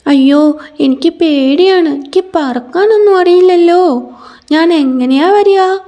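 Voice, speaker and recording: A woman's voice: very high voice, unhurried, dark tone, pitched above the performer's own voice. A woman voicing a frightened little baby bird who cannot fly yet, whimpering and pleading. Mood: scared.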